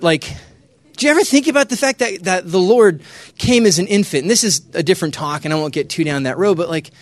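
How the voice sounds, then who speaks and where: Guy doing a youth talk, high voice that jumps all over, jokey, keeps shushing the kids, dry close sound. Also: no room sound. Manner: animated, joking, often hushing and resetting the crowd. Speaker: youth speaker. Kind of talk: lively talk to a young audience.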